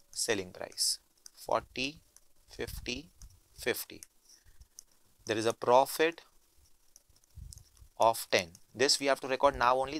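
A young Indian man lectures as a teacher in a bright, forceful voice of medium pitch. He switches between Hindi and English mid-sentence with an Indian accent. He works through problems step by step and repeats key phrases. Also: no echo, rough recording. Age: young adult. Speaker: accounting teacher.

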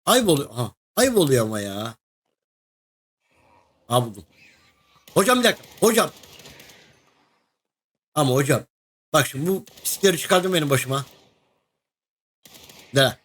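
Excitable gamer guy. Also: on the high side, measured pace, long pauses. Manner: excitable, chatty, talks to game creatures and a co-player. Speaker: gaming video host. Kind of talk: casual let's-play commentary.

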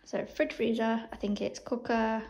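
Recorded on a phone she holds while filming, a woman vlogger casually tours an empty new-build house with bare rooms. Her voice is fairly high and darkish, with a flat delivery at normal speed. She chats and narrates as she walks, often dropping to a whisper.

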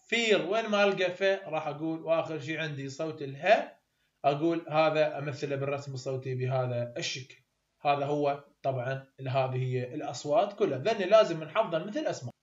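Iraqi guy teaching phonetics, goes step by step and repeats stuff, kinda high voice, echoey dull recording. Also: fairly bright tone. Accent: Iraqi Arabic. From Iraq. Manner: explains step by step, repeats terms for learners. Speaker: English phonetics tutor. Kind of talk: recorded online lecture. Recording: echoey room, dull lo-fi sound.

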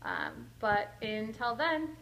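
A woman in her thirties gives a playful, chatty vlog tour, her voice high and bright. The phone camera is held at arm's length. Every word rings around the bare walls of an empty house. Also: wildly swooping pitch, takes it slowly, slight background noise. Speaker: vlogger. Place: large empty house, indoors. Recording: echoey empty room.

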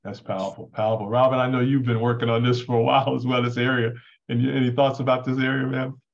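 A man's voice: mid-range voice, level tone, fast talker, vocal fry, dull audio. A man co-hosting an interview, conversational and affirming, often voicing agreement. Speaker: co-host interviewer.

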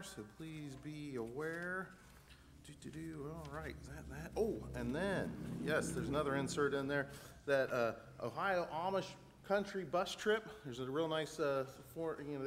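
A man's voice: on the high side, a bit bright, slight background noise. A man giving church announcements in a chatty, loose way, full of fillers and restarts. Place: church sanctuary. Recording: long church reverb with faint ambience.

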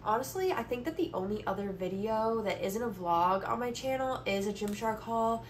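Chatting informally about a haul, this twenty-something vlogger sounds stuffed up from allergies. Her expressive voice leans high and keeps a moderate pace, recorded on a phone camera at arm's length or more in her bedroom, with clear background noise.

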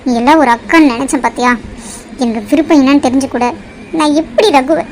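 A heartbroken young bride hurls bitter accusations in a high voice, as a woman acts her out. She sounds like a character from a cartoon drama. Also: fast, slight background noise, lightly acted, rough recording.

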